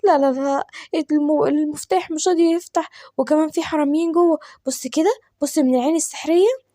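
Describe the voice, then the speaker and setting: A woman voicing a flustered, excitable mother lioness, speaking with an Egyptian accent and turning frantic and shrill when she is frightened. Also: fast talker, dry recording, clean studio sound, close to an everyday voice. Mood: alarmed. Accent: Egyptian Arabic. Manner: frantic, shrieking when scared.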